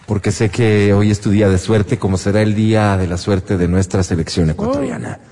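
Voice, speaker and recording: A man's voice: lowish voice, fairly even intonation, a little fast, dark tone. A man hosting a radio contest in an upbeat, chatty, teasing way. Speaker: radio host.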